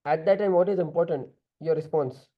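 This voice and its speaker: A man's voice: on the high side, brisk, dull audio. A man with an Indian accent giving direct group discussion feedback as an interview prep mentor, switching now and then into Hindi.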